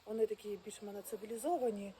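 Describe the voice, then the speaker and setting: A woman talking casually and with great excitement straight to her viewers, full of exclamations. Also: medium pitch, rapid-fire, a little hiss or hum. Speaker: vlogger arranging flowers. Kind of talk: casual how-to chat. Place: outdoors at home, birds nearby.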